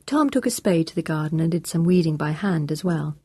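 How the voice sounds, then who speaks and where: Woman reading an audiobook, steady pace, kinda breathy, no room echo. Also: deep voice, a little fast. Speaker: audiobook narrator. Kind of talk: scripted audiobook narration.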